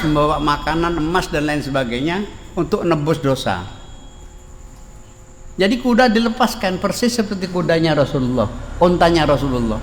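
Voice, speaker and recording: A man preaching, telling a story, repeating phrases and quoting Arabic, recorded in a reverberant hall with faint background noise. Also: on the high side. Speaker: Islamic preacher. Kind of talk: sermon on a classical text.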